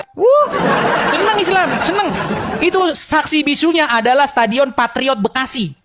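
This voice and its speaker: A man hosting a confrontational live-stream debate, mocking and laughing often as he challenges his viewers. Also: very high-pitched. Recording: loud crowd and heavy background noise.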